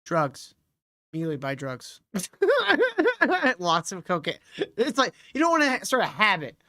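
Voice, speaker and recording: A woman's voice: mid-range voice, wildly swooping pitch, a little slow, sharp tone. A woman co-hosting a comedy podcast, joking in crude, casual banter and swearing freely. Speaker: podcast co-host.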